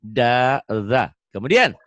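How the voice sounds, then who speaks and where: A man's voice: medium pitch, sing-song, takes it slowly, a bit bright, dry recording, clean studio sound. A man teaching Quran reading in a one-on-one online lesson, patient and joking, mixing drills with anecdotes. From Indonesia.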